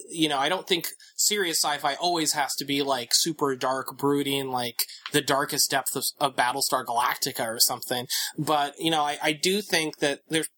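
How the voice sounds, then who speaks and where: A man talking casually as a podcast co-host, his voice bright and a little tense, pitched somewhat high. He thinks aloud, rambling through restarts and fillers. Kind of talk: casual chat.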